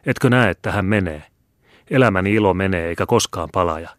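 A passionate dying mother, impassioned and pleading, read by a man in his own low voice. Dry, close audiobook sound. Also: no room sound, natural voice.

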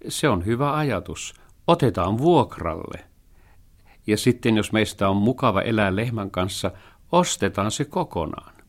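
A man voicing a thrifty, fussy male house cat who scolds and worries about money in a storybook reading. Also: expressive. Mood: thoughtful. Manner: scolding, worried, high and loud.

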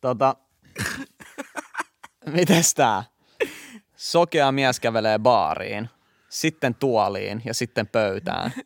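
A man's voice: medium pitch, vocal fry, long pauses, no room sound, studio quality. A young man co-hosting a podcast, chatting casually and trading crude jokes in a playful, teasing way. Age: young adult. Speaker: podcast co-host.

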